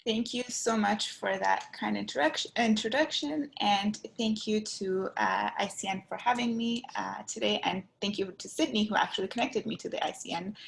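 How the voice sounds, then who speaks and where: Woman panelist from Iran, gravelly tone, thoughtful and hesitant, video call mic. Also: medium pitch, moderate pace, few pauses, slight background noise. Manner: thoughtful, with frequent um and uh. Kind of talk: webinar presentation. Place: home in Toronto, video call.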